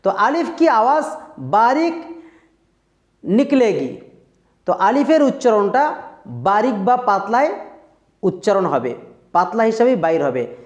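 A Quran recitation teacher giving a tajweed pronunciation lesson, explaining slowly and drawing out recited words to demonstrate them. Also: medium pitch, very animated. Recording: roomy, dull lo-fi recording.

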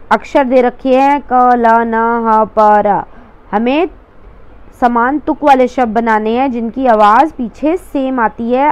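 A woman's voice: a little high, darkish tone. A woman teacher explaining a worksheet to children step by step, patiently repeating each word.

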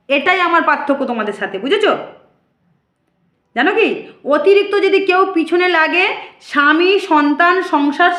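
A woman's voice: sits high, fairly bright tone. A woman, speaking to camera as a vlogger and defending herself against critics in an aggrieved, lecturing way, recorded on a phone in an echoey room. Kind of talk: direct-to-camera rant.

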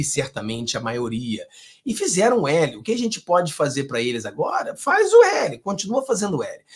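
A man from Brazil giving combative, sarcastic political commentary over video clips. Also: on the high side.

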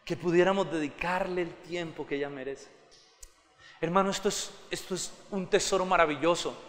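A man's voice: a little high, moderate pace, a bit bright. A man preaching a sermon with passion, rising to fervent exclamations and acting out everyday scenes. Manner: acts out everyday scenes and quoted voices. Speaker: pastor. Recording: reverberant hall.

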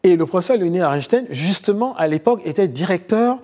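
A middle-aged man from Côte d'Ivoire, a historian, giving long answers in a TV interview, often pausing with fillers and repeating phrases. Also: high-pitched, animated, warm tone. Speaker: historian and author guest. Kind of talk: TV interview, recounting his research.

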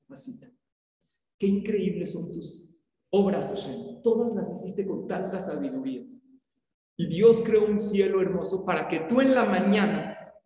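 A man, a rabbi giving a Torah lecture as a lively storyteller who acts out the voices. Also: a little high. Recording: very echoey hall.

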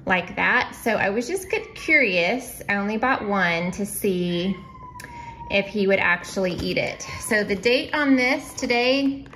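A woman in her thirties talks through a grocery haul at home in a loose, chatty way, full of small asides. She sounds a little out of breath, at a middle pitch. A faint hum of room noise sits behind her. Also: expressive, unhurried, a bit bright, low-quality recording. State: slightly out of breath. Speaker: vlogger. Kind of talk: casual grocery haul vlog.

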